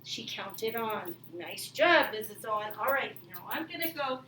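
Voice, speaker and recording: Woman, elementary math teacher, kids show host delivery, high pitch, exaggerated exclamations, distant mic. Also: animated, unhurried, bright, forceful tone. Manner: exaggerated exclamations, simple step-by-step explaining. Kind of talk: kids show host style lesson, addressing children. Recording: echoey room, distant mic, faint noise.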